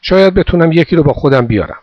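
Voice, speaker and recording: A man reading a story voices a kindly bow-legged old man who speaks gently and coaxingly. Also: fairly high pitch, lively intonation, no room sound, voice pushed up. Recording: dull dry recording.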